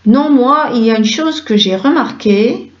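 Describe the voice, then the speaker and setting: A woman reading a stage play aloud and voicing all the roles, moving briskly through quick back-and-forth dialogue. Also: on the high side, expressive. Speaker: reader of a play script. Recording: dull lo-fi recording.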